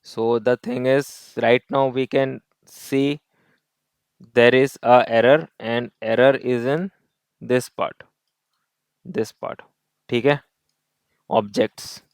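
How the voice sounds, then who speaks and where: A man's voice: medium pitch, steady tone, slow pace, pauses often, a little mellow, smooth, no echo. A man teaching a coding lesson. He explains each step, repeats key points and drops in Hindi tag words. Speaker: coding tutor. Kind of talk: screen-recorded coding lesson.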